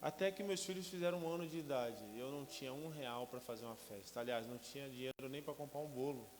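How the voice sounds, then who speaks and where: A middle-aged man, a pastor giving a lively testimony in church who acts out the dialogue. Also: medium pitch, quick pace. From Rio de Janeiro, Brazil. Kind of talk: sermon testimony. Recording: long hall reverb with faint hiss.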